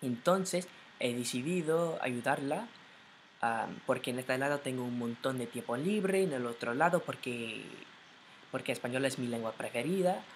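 A man's voice: medium pitch, lively intonation, normal speed, a little hiss or hum, rough recording. A young man from the United States, a native English speaker, vlogging casually at home in Spanish into a laptop mic, hesitant and stumbling, often restarting and correcting himself. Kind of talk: casual learner's vlog in Spanish. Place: at home in his room.

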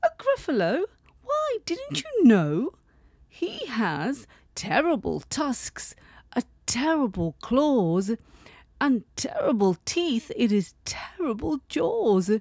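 A woman voicing a small, clever, boastful mouse in a high, emphatic voice. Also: very animated, slow pace, darkish tone, no echo, clean studio sound, exaggerated voice.

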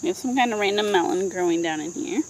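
A woman in her thirties gives a vlog tour of her backyard vegetable garden outdoors, chatting informally with playful asides. Her voice is medium-pitched and fast, recorded on a handheld camera microphone with noticeable ambient noise and poor audio quality.

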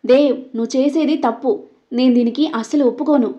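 A domineering matriarch, played by a woman narrator shouts in a harsh, raised voice. She pitches it up high, though the tone stays mellow. The recording is muffled and lo-fi. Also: a little fast, natural voice. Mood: furious. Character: stern domineering matriarch, furious. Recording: dull lo-fi recording.

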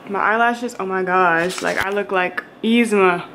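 A young woman chats to her camera about her day, loose and talkative, trailing off with fillers as she goes. Her voice sits mid-range. The home recording carries clear background noise. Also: medium pitch, measured pace, a bit bright. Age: young adult. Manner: chatty, talks straight to viewers, trails off with fillers. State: out of breath. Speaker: law student vlogger. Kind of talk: casual vlog chat. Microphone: on-camera mic.

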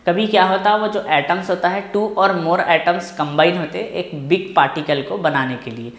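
A man with an Indian English accent teaching a physics lesson in a classroom, reading from the textbook slowly and then explaining in a quick mix of Hindi and English. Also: sits high, a bit bright, roomy sound. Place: classroom with a board.

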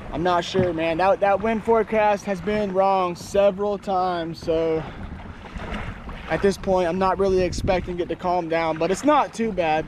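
Excited man fishing from a kayak. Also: sits high, background noise. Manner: excited, chatty, says man and guys a lot. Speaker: fishing vlogger. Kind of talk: casual outdoor vlog commentary. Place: kayak on open water under a bridge. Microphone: action camera on chest and pole.

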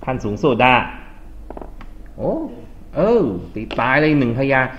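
A man's voice: medium pitch, a little slow, a little hiss or hum. A male English tutor teaching a classroom grammar lesson, quizzing students and mixing English terms into his explanations. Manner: quizzes students with frequent questions. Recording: dull lo-fi classroom recording.

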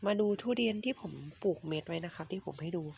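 A man with a high voice and vocal fry talks at a quick pace while showing off his garden plants in a rural outdoor setting. He's a vlogger who grows durians at home, chatty and polite, repeating himself and calling viewers his friends in this casual show-and-tell. The dull, lo-fi phone audio is full of loud outdoor noise, with roosters, chickens and crickets.

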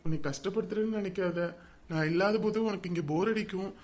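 A dutiful young soldier son, voiced by an actor gently reassures his family. His delivery is calm and patient. The tone stays warm and steady as he soothes them. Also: sits high, fast talker, close to an everyday voice. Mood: reassuring. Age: young adult. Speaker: son leaving for the army. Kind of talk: family drama acting.

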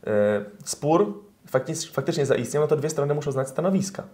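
A man's voice: fairly high pitch, lively intonation, moderate pace, a little mellow. A young man, a lawyer, answering interview questions in an explanatory way, with frequent fillers and polite address to viewers.

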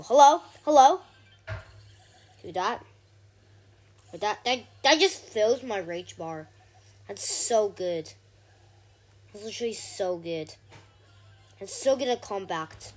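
A woman giving casual gameplay commentary, chatty with frequent ums and sudden excited shouts. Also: mid-range voice, husky. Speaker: gaming channel host.

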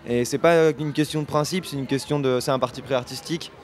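A man in his thirties who sings and writes lyrics for a band responds to interview questions at a quick pace, his mid-range voice steady but his answers hesitant and full of restarts. Faint music sits behind him in the festival radio booth, with a sponsor backdrop and the host holding a handheld radio mic.

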